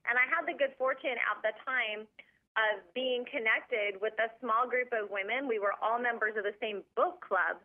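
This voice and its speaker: A woman's voice: a little high, normal speed. Chatty woman on a tinny line. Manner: animated, chatty, acts out quoted dialogue. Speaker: nonprofit founder, guest. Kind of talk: conversational interview storytelling.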